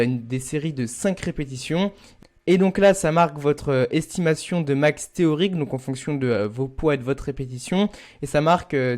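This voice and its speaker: A man's voice: on the high side, a little mellow. A young man explaining a planning app in a casual tutorial, with frequent hesitations. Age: young adult. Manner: casual, many "euh" fillers, addresses viewers as "vous". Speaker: student fitness youtuber. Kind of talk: screen-recorded software tutorial.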